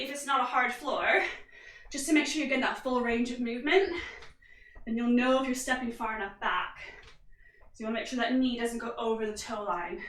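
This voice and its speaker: A woman fitness instructor giving steady, upbeat coaching cues through a guided workout. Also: fairly high pitch. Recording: echoey room, mic from far off.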